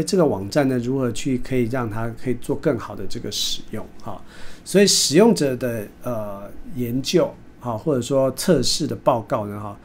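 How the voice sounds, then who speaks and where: A male university lecturer with a Taiwanese Mandarin accent, teaching an online course. He talks haltingly with many fillers and repeats, and mixes English terms into his speech. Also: mid-range voice, a little mellow, slight background noise.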